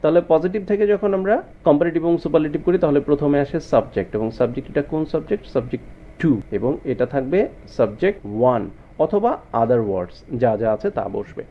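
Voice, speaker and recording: A man's voice: fairly high pitch, expressive, a little fast, muffled recording. A man teaching a grammar lesson to students, often asking them rhetorical questions. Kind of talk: explanatory lesson.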